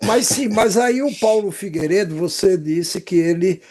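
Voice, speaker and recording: Brazilian male host, slightly high but mellow voice, halting delivery in casual political talk. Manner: halting, stammering, circling back on words.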